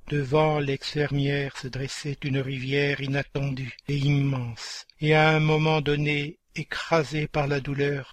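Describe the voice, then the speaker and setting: A man's voice: medium pitch, no echo. Solemn male storyteller, dry close sound. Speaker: narrator. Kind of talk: dramatic story narration.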